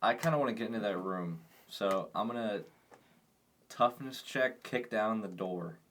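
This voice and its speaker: A man taking part as a player in a tabletop game, stating his moves in a calm, matter-of-fact way. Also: on the low side, normal speed, slight background noise. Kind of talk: casual game play.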